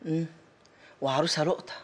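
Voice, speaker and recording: A woman's voice: low voice, steady tone, brisk, lightly acted. An actor playing an insistent, coaxing mother who pushes her son to marry, in Egyptian Arabic. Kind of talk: film acting.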